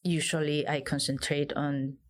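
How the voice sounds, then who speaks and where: A woman from Peru, a guest artist in an interview, speaking thoughtfully with frequent pauses and fillers. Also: low-pitched, level tone. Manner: hesitant, thoughtful, many fillers. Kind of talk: interview conversation.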